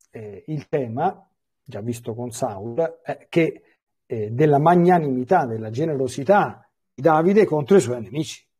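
Husky-voiced priest teaching scripture. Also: male voice, mid-range voice, dark tone. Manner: reads passages aloud with explanatory asides and fillers. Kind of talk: Bible catechesis, reading and explaining scripture.

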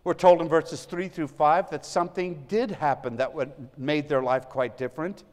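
Male pastor, slightly higher voice, earnest sermon delivery with big volume swings, church hall reverb. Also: steady tone, normal speed, darkish tone. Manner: earnest, swells and drops in volume for emphasis. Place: church sanctuary.

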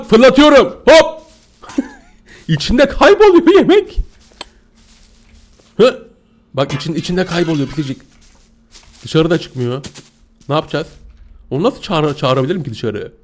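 A young man commentating his gameplay in a high, bright voice. His pitch leaps all over the place as he giggles and squeals. He talks straight to his viewers. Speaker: gaming YouTuber.

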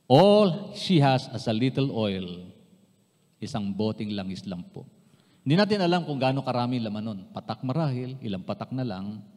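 A mid-pitched male pastor from the Philippines preaches to his congregation, switching between Tagalog and English. He repeats key phrases for emphasis and speaks politely to his listeners. His voice carries a long reverb from the church hall. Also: a little mellow. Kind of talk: sermon. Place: church sanctuary.

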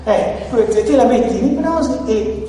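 Lively man lecturing in a hall. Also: very high voice, normal speed. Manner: animated, blunt, acts out dialogues. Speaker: conference speaker. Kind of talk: colloquial conference lecture. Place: conference hall. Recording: echoey hall, distant mic, faint noise.

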